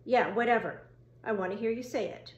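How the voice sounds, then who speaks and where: A woman reading an audiobook, voicing a dim, greedy teenage bully with a gruff, swaggering, patronizing manner. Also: a little high, a little fast, muffled recording, natural voice. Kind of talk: audiobook character voice. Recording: roomy echo.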